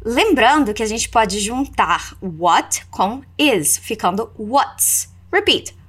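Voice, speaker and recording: A woman teaches English in a lively, highly animated voice that sits somewhat high. She slows down to model each phrase for repetition, then explains it in Portuguese. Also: breathy edge. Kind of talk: language lesson with repeat-after-me drills.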